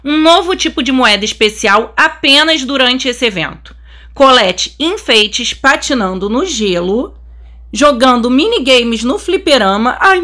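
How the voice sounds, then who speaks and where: A young Brazilian woman with a Brazilian Portuguese accent commentating a game update, so excited she says she is trembling, gushing and exclaiming constantly. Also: a little high. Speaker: game channel host.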